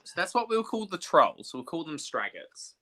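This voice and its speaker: Chatty, bright-voiced young man livestreaming. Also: on the high side. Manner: chatty, animated, quick to laugh. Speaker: makeup livestream host. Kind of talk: casual livestream chat.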